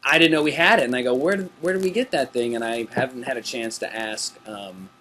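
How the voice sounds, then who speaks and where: A relaxed, chatty middle-aged man hosts a backstage webcast. His voice sits at an ordinary pitch for a man, and he laughs easily between the viewer questions he reads out. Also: fairly quick, slight background noise. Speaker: webcast host. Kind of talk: casual backstage chat reading viewer questions.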